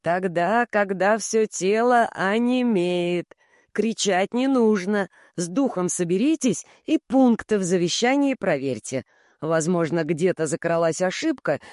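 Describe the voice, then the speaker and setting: A man voicing a calm young shinobi who speaks loudly and distinctly, with cold satisfaction. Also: high voice, dry recording, studio quality, voice pushed up. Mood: coolly mocking. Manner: loud, clear, measured speech. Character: young male shinobi, calm, coldly pleased.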